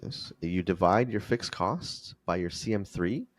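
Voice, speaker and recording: A man's voice: low-pitched, unhurried, dry recording. A man explaining financial figures step by step, in a didactic interview style. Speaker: finance expert guest, fractional CFO. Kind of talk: explanatory interview talk with numbers.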